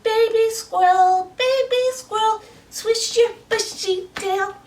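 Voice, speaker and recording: Gender: woman singing as a baby squirrel. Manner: squeaky and tiny. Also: fairly even intonation, takes it slowly, a little mellow. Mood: cheery. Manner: sung in a squeaky high voice. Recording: roomy, distant mic, faint noise.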